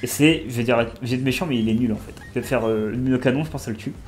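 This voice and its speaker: A man in his twenties giving casual, excitable commentary while playing a video game and talking to his viewers. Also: medium pitch, fast talker, soft background music. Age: 20s. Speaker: let's play streamer.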